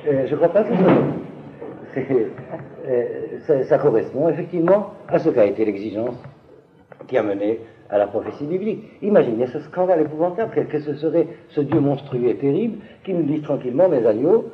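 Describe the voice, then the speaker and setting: A man teaching a class on biblical texts, hesitating and restarting, often asking the listeners whether it is clear. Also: mid-range voice, expressive, a little fast, narrow, tinny audio.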